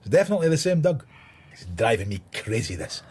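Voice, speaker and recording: Husky, wry Scottish police detective Rebus. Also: male voice, mid-range voice, big pitch swings, fast, a little mellow. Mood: terse, frustrated. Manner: dry, sardonic. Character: wry, stubborn maverick male police detective inspector. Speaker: lead actor and narrator. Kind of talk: radio drama acting and first-person narration.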